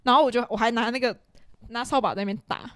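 A young woman with a Taiwanese Mandarin accent tells anecdotes on a casual podcast, full of fillers and quick asides. She talks fast in a slightly raised voice. The sound is dry and close. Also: a little high, a bit bright, no room sound. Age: young adult. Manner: storytelling with lots of fillers and laughter. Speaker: podcast co-host. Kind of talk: casual chat.

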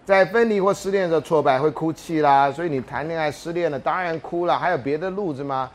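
A man's voice: fairly high pitch, fast. A man lecturing a university class, telling jokes and anecdotes and often laughing mid-sentence.

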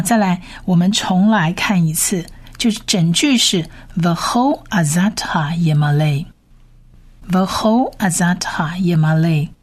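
A woman teaching a slow Bible pronunciation lesson, patiently repeating each syllable and word several times. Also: fairly low pitch. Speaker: Hebrew teacher.

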